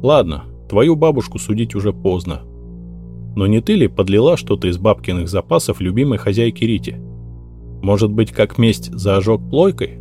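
A cold young mage threatens in a low, dark, clipped voice, as a male reader puts him on. He sounds calm and hard, with faint music playing under the storybook. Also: moderate pace, close to an everyday voice. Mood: menacing.

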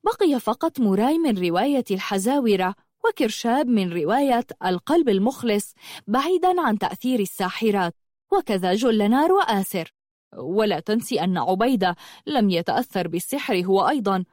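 Woman, audiobook narrator, measured dramatic reading, mid pitch, dry close sound. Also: big pitch swings, a little mellow, no room sound. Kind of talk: scripted narration of a novel.

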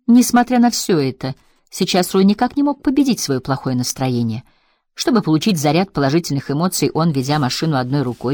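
Brief: female audiobook narrator, lower pitch, steady measured delivery. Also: no room sound, studio quality. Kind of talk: scripted narration.

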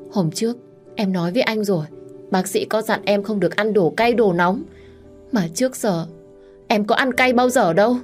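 A woman voicing a spoiled, dramatic pregnant young wife who makes shrill, sobbing accusations. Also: close to an everyday voice.

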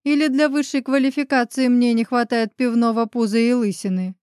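A woman's voice: on the high side, steady tone, a little fast, a little mellow, dry recording, studio quality, close to an everyday voice. A woman voicing a brash, sarcastic male lawyer friend in an audiobook. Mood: mocking. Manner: mocking, ironic.

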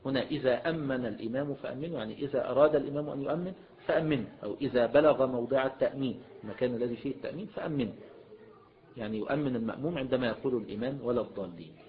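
Fast-talking Egyptian sheikh teaching. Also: male voice, mid-range voice. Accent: Egyptian Arabic. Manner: keeps prompting listeners with a questioning "what?"; mixes classical Arabic with colloquial speech. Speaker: sheikh teaching Islamic jurisprudence. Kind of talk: religious lesson. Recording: dull lo-fi lecture recording.

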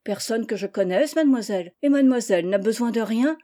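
A woman's voice: on the high side, animated, fast, mellow, lightly acted. A woman voicing a courteous, plain-spoken older peasant man in a storybook reading. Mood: polite.

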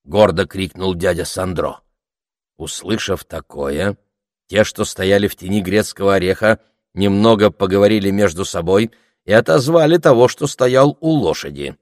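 Deep-voiced man reading an audiobook. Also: expressive, moderate pace, dry recording, studio quality. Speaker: audiobook narrator. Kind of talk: scripted narration.

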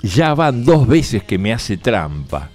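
A man's voice: mid-range voice, sing-song, slow pace, a little mellow, faint music behind. A man voicing a desperate grown son begging his father for a blessing, in a raised, strained voice. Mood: pleading, bitter.

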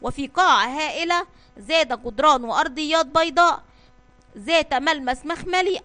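A high-pitched woman reads a children's adventure story aloud at an even pace. She often stumbles over words and goes back to correct herself. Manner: reads steadily with frequent slips and self-corrections.

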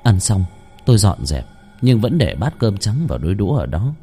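A man's voice: lowish voice, big pitch swings, moderate pace, dark tone, breathy edge, soft background music. A man narrating a ghost story in a dramatic, suspenseful manner.

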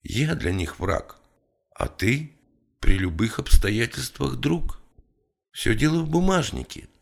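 A man's voice: medium pitch, lively intonation, slow, gravelly, voice pushed up, exaggerated voice. A man reading an audiobook, voicing a gloomy middle-aged male writer who argues earnestly and pleads with his friend. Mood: pleading.

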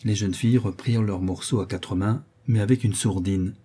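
A man narrating a classic novel aloud in a steady, measured way. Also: lowish voice, breathy edge. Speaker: audiobook reader. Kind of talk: audiobook narration.

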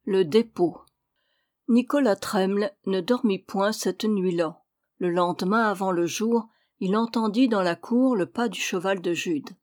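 A woman reading a classic adventure novel aloud as an audiobook, measured and clear. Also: mid-range voice, a little mellow. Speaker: audiobook reader.

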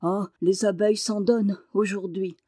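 A woman reading aloud and voicing a calm, steady country boy with a plain manner. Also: mid-range voice, moderate pace, no room sound, clean studio sound, natural voice.

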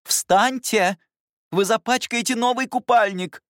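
A prim, strict housekeeper, put on by a man reading a story. Her voice sits well above his own and is strongly expressive. She talks in a formal, reproachful, fussy way. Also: on the high side, a little fast, no echo, studio quality, pitched above the performer's own voice. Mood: fussy scolding.

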